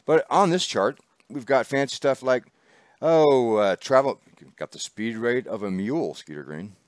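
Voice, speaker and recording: Speaking a little slowly with a mid-range voice and lively intonation, a man hosts a casual chat show from a small studio. The recording is dry, and his talk is chatty and rambling, full of frequent laughs.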